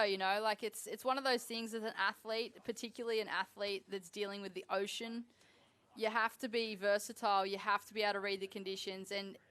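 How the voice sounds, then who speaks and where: A woman's voice: medium pitch, fairly bright tone. A woman hosting live sports commentary from the booth at an event.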